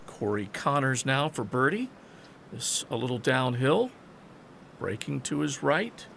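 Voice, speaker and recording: A man calling golf play-by-play in short, measured broadcast phrases. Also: mid-range voice, noisy background. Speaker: golf commentator.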